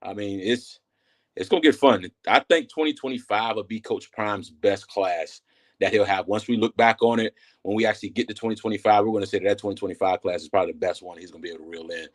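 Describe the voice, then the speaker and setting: Dude talking football recruits real fast, lots of um and uh, regular voice. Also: male voice, fairly low pitch. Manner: quick, loose talk with many fillers and restarts. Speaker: guest analyst. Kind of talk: casual sports talk.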